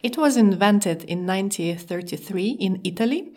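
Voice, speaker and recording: A woman with a non-native English accent co-hosts a casual podcast, explaining things haltingly as she searches for words. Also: mid-range voice, a little mellow. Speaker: podcast co-host.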